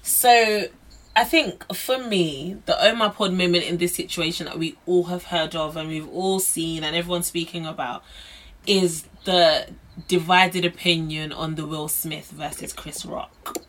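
Podcast co-host: young woman, British accent, slightly low pitch, casual conversational style. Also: fairly even intonation, a little slow, fairly bright tone, low-quality recording. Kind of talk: casual chat.

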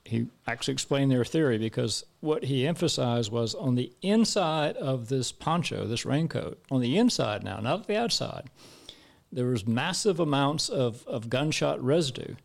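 A man's voice: medium pitch, expressive, normal speed, creaky. A man commenting on a trial in a casual panel discussion, emphatic and repeating words for stress. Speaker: legal commentator.

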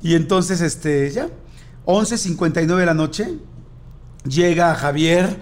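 A man's voice: a little high, slow pace. A man with a Mexican accent, animatedly telling an anecdote in casual chat and acting out the dialogue. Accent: Mexican Spanish.

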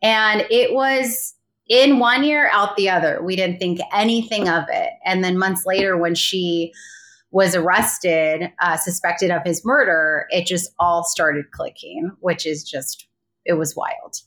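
Halting lower-pitched woman telling a story. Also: fairly bright tone. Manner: hesitant, many fillers and restarts. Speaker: guest recounting a colleague's murder. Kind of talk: casual interview storytelling.

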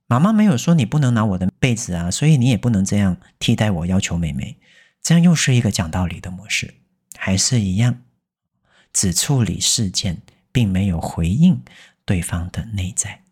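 A man with a Taiwanese Mandarin accent hosting a parenting podcast, explaining patiently and slowly sounding out English words. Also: fairly low pitch, sing-song, a little mellow, husky. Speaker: parenting educator and podcast host. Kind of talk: podcast advice and mini English lesson.

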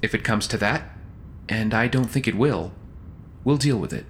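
Man playing smooth, condescending schemer, bright voice. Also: on the low side, normal speed, a little hiss or hum. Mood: calm, confronting. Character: calm, self-assured male schemer defending his ruthless plan. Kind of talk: scripted audio drama acting.

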